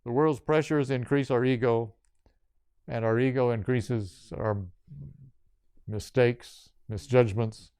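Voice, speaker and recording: Older male yoga teacher giving a spiritual talk; slow, measured phrasing in short lists, crisp voice. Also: medium pitch, fairly even intonation, darkish tone, dry recording, clean studio sound.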